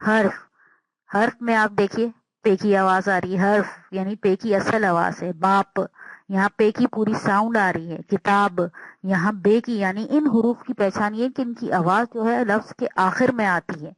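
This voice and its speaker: A woman teacher giving a slow, patient language lesson, sounding out words and repeating them. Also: mid-range voice, fairly even intonation, dry recording, rough recording.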